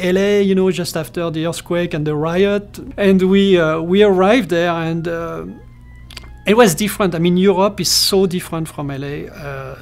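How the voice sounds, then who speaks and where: Middle-aged man, French accent, gravelly voice, slightly high pitch, halting interview talk, faint music underneath. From France. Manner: hesitant, many fillers and restarts. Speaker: character designer. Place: indoor studio room.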